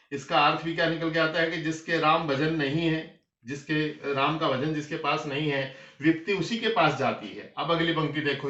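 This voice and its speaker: A man teaching a grammar lesson for exam preparation, explaining step by step and slowing down to recite lines of verse. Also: fairly high pitch, bright, forceful tone. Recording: echoey room, dull lo-fi sound.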